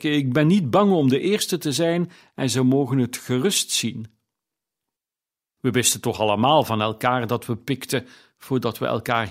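A man voicing a brash, scheming charwoman who talks in a bold, challenging way in an audiobook. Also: medium pitch. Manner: brazen, challenging. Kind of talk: audiobook character reading.

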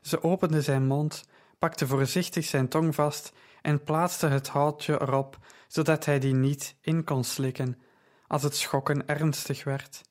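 A man narrating a story in a measured, even style. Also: fairly high pitch. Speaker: audiobook narrator. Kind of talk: scripted narration.

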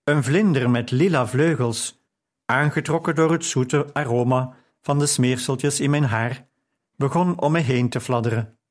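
A man narrating an audiobook in a calm, unhurried reading style. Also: medium pitch. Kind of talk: scripted narration.

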